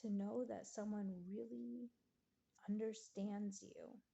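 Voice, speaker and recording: A woman giving an earnest devotional talk, reading scripture and slowing down to near-whisper on key phrases. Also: mid-range voice, level tone, creaky, warm tone.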